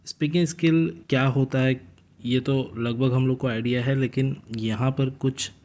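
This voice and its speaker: A young man teaching from study notes in a casual lecture style, explaining at a conversational pace and slowing down to read English lines. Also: medium pitch, fairly even intonation, darkish tone.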